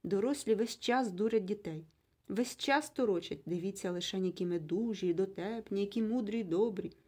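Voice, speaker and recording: A woman reading the part of an irritable, sharp-tongued mother who speaks curtly and snaps, in a husky voice. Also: mid-range voice, fairly quick, lightly acted. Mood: irritated. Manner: curt, snapping.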